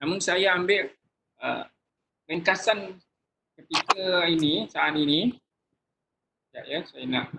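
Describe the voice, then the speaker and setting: A male religious teacher giving a lecture to a class, lively and acting out sample phrases in changing tones, addressing listeners warmly with frequent religious phrases. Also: high voice, slow pace, gravelly, pauses often, noisy background.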